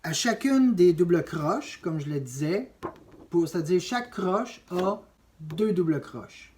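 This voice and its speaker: A man's voice: high-pitched, expressive, a little slow, a little mellow. A man teaching a drum lesson, explaining note values step by step and counting beats aloud. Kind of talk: music lesson.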